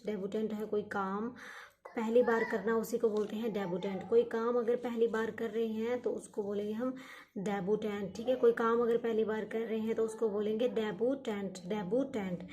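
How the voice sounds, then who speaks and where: Woman teacher going over vocab words, mellow voice, keeps repeating stuff, asks herself questions. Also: on the high side. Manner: repeats each word and meaning many times, asks and answers her own questions; encouraging, urges students to study hard. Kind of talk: exam-prep vocabulary lesson.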